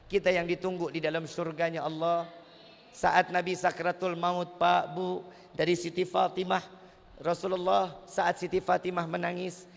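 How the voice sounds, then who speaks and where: Gravelly high-voiced preacher. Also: male voice. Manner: builds to loud, sung, tearful supplication. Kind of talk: sermon with chanted prayer. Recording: long reverb of a hall.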